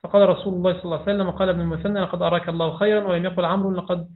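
A man reading hadith texts aloud, reciting chains of narrators quickly with small slips and restarts. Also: sits high, flat delivery. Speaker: hadith reader. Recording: tinny phone-like sound.

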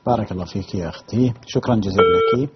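A man's voice: on the low side, lively intonation, racing, heavy background noise. A man hosting a religious call-in show, courteous and formal as he greets viewers and takes calls. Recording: dull muffled broadcast audio.

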